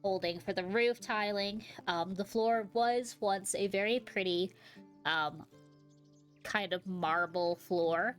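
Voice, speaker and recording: Woman GM, lowish voice, meandering scene descriptions, frequent ums. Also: a bit bright. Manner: rambling, full of "like" and "um", unhurried. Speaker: game master. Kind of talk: narrating a tabletop game.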